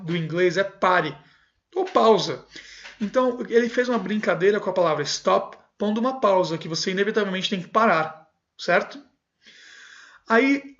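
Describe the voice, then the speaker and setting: A man's voice: high voice, fairly bright tone, muffled recording. A man teaching music, reading a textbook passage by passage and explaining each one in a casual tone. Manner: reads passages aloud, then explains them in a casual tone.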